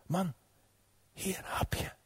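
A man voicing an eager, excitable young woman who talks quickly and breathlessly in a sermon's acted story. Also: no echo, in a whisper, clean studio sound. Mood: excited. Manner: breathless, excited, rising to shrieks.

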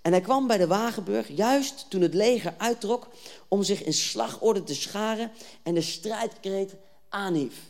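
A preacher speaks at a youth evening and turns a Bible story into a lively, conversational retelling. Read verses give way to casual slang and quick acted-out bits of the scene. The delivery is energetic and keeps pulling listeners into the story. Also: medium pitch.

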